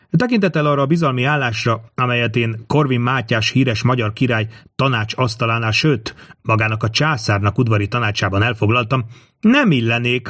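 A man voicing a calm, bold court astrologer who speaks in a solemn, measured way, in a dry close recording. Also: mid-range voice, no room sound, natural voice. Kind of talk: audiobook character reading.

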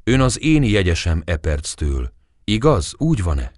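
A man's voice: low-pitched, sing-song, darkish tone, dry recording, clean studio sound. A man voicing an earnest young lover. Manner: earnest, solemn.

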